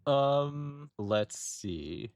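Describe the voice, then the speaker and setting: A man's voice: mid-range voice, lively intonation, extremely slow, no echo, clean studio sound. A man co-hosting a podcast in casual chat, thinking aloud in a hesitant way with many fillers. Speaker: podcast co-host.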